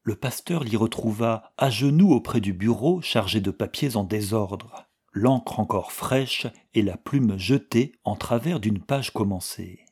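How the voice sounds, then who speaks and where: A man narrating an audiobook in a measured, expressive way. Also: fairly low pitch, slightly rough. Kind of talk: audiobook reading.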